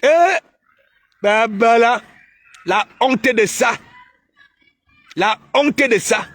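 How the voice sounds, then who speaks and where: A man from Cameroon with a Cameroonian accent, hosting a casual live stream where he mocks and teases, often breaking into shouts. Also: extremely high pitch, drawn-out words, dry recording. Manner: mocking, teasing, bursts of shouting.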